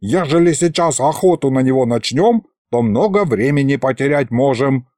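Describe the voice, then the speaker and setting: A man's voice: medium pitch, expressive, normal speed, darkish tone, dry recording, clean studio sound, lightly acted. Man voicing a pompous old-fashioned ghost sorcerer. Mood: grumbling. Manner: self-important, archaic wording.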